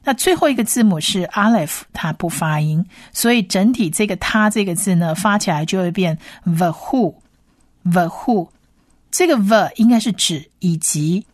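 A woman giving a slow pronunciation lesson as a teacher, spelling out sounds letter by letter and repeating each syllable patiently. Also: medium pitch, no room sound, studio quality. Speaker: Hebrew teacher.

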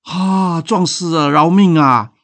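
A man's voice: on the high side, moderate pace. A man voicing a timid, frightened old village man in a told folk tale. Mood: pleading. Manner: lively storyteller's voice for a fearful elder.

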